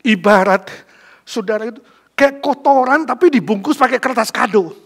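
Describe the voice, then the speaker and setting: A middle-aged male pastor preaching a sermon with emphatic, lively storytelling that builds to loud peaks. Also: very high voice, moderate pace, creaky, breathy edge.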